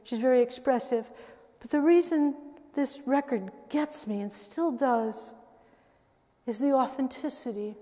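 A woman's voice: high voice, unhurried, mellow. Older woman lecturing in a reverberant hall. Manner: conversational, with laughs and self-interruptions. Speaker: guest lecturer on music. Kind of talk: public lecture.

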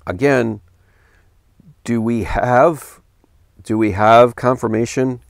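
A middle-aged pastor with a fairly low, gravelly voice reads a news story and breaks off to ask pointed questions. The sound is dry and close, with no room around him. He talks at his desk into a webcam. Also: no room sound. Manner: earnest, questioning, reads quotes in a lower flat tone. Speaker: pastor commentator. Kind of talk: reading news aloud and commenting. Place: home office with bookshelf.

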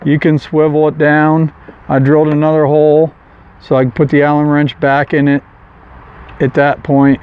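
A man's voice: medium pitch, darkish tone, highs cut off. A middle-aged man, outdoors beside a kayak, casually walking through his homemade fishing setup in a plain, chatty way. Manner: plain, chatty, hands-on explaining with fillers. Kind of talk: casual show-and-tell walkthrough.

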